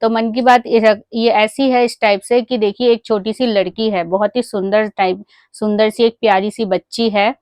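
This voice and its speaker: A woman vlogger telling a moral story to her viewers in a chatty, casual way, full of small fillers, and she briefly acts out a child's excited calls to her mother. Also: medium pitch, normal speed, dry recording. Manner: chatty, addresses viewers as friends, many fillers.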